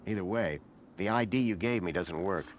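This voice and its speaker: A man's voice: low-pitched, normal speed, a little hiss or hum, close to an everyday voice. A man playing a wry, persistent adventure game hero, no longer young, with a dry conversational delivery. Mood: frustrated. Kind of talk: video game voice acting and first-person narration.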